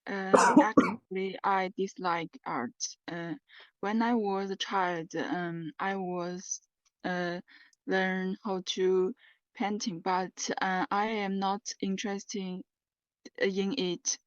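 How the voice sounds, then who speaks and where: A woman learner gives halting, unhurried practice answers full of fillers. The sound is dull and lo-fi, like call audio, and the voice is dry and close. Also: medium pitch, steady tone, no echo. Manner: halting, hesitant, with many fillers. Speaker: English learner. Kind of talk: speaking test practice answers.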